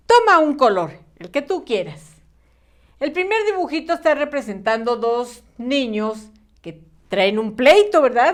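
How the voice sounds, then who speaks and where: A woman teacher leading a children's literacy lesson, encouraging the young viewers and stretching out syllables. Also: a little high.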